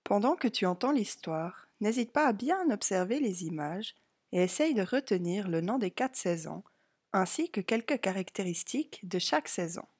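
A woman's voice: mid-range voice, expressive, darkish tone. Woman reading a picture book to children. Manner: slow, clear, addressing a child. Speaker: storybook reader. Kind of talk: read-aloud story for children.

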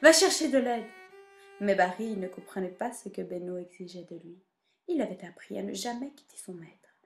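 A woman reading a children's storybook aloud in an expressive, measured way. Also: on the low side, creaky, soft background music.

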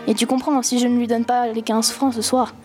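Brief: a woman reading a rambling, pleading teen boy, mellow low-key voice. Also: level tone, fairly quick, soft background music, natural voice. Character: impulsive teenage boy, pleading and tearful.

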